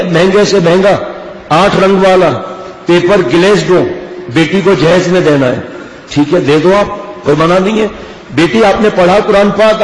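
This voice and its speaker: A man preaching an Urdu sermon, earnest and exhorting, slowing down to chant quoted verses. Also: sits high. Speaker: religious preacher. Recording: echoey hall with long reverb.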